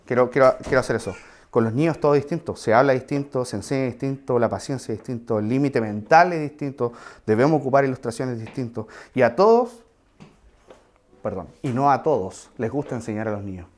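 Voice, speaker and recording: Addressing his congregation directly, this male preacher keeps the sermon easygoing, tossing in asides and short questions. He speaks at mid pitch, expressively, and his tone leans dark.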